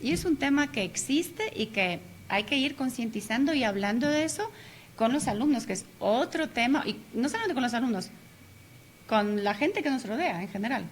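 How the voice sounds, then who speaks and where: A woman's voice: a little high, animated, normal speed, slight background noise. A woman guest in a radio interview, a language teacher explaining at length with frequent hesitation fillers. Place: radio studio.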